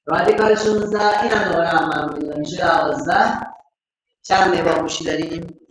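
A man's voice: high voice, steady tone, slight background noise. A man from Iran teaching an online math class, playful and affectionate with his students. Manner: playful, affectionate, talks to students as dear ones. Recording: very echoey room.

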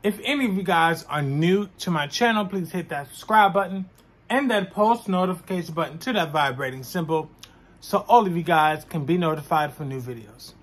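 A man's voice: a little high, expressive. Young man chatting loosely in a vlog. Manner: talks slowly with frequent "um" fillers. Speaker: vlogger. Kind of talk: casual mukbang vlog chat. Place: his own room.

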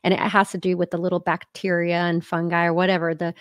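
A woman's voice: on the low side, level tone, quick pace, no room sound, clean studio sound. A woman hosting a casual podcast chat on a video call from home, rambling along with lots of fillers. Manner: chatty and rambling, many fillers. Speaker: podcast host.

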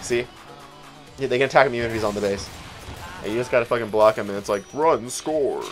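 A man's voice: medium pitch, steady tone, quick pace, soft background music. A young man hosting a let's play, giving casual, rambling, profane commentary and arguing with his co-host.

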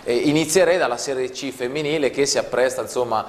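A man's voice: mid-range voice, fast talker. A man hosting a studio sports interview, chatty, often finishing the guest's sentences, recorded in a TV studio. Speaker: sports show host. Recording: roomy studio with long echo, faint noise.

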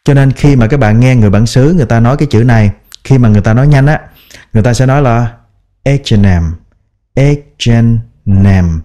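A man teaching English brand-name pronunciation in a patient, step-by-step lesson, repeating each word slowly. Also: mid-range voice, mellow. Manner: drawn-out repeated example words, patient explaining. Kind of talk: slow instructional pronunciation lesson.

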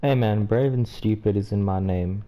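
A man's voice: fairly low pitch, moderate pace, dark tone. A man hosting a casual game playthrough, talking in a joking, informal way. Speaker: gaming host.

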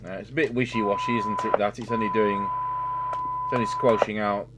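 With a voice on the low side, wildly swooping pitch and a brisk pace, a radio repair technician and host improvises commentary while working hands-on, thinking out loud. He's at an indoor electronics workbench, and the noisy recording has hum and radio hiss.

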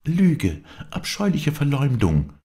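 A man's voice: low-pitched, a little slow, vocal fry, warm tone, pitched above the performer's own voice, exaggerated voice. A man voicing Viola, an impassioned young noblewoman. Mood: indignant. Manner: impassioned, pleading cries. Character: young noblewoman, grieving and fervent.

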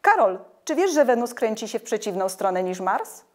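A woman voicing a lively, teasing young sister in a storybook reading, exclaiming excitedly. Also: medium pitch, brisk, natural voice. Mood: alarmed.

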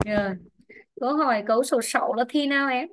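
Brief: female teacher, fairly high voice, online lesson, patient and prompting. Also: brisk, background noise. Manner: patient, quizzing and prompting students by name. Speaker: English teacher. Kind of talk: online class, questioning students and explaining grammar rules.

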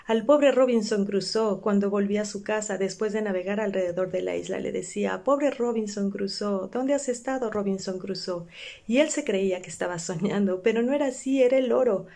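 A woman reading aloud, voicing an old male miser who cries out excitedly at childhood memories. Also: fairly quick, gravelly, close to an everyday voice. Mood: giddy. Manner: excited exclamations, high and loud.

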